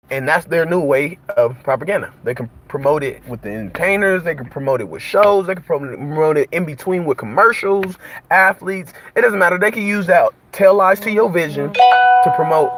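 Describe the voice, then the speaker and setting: A man's voice: a little high, fairly bright tone. A man preaching in an impassioned monologue, piling up rhetorical questions and repetition. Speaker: host.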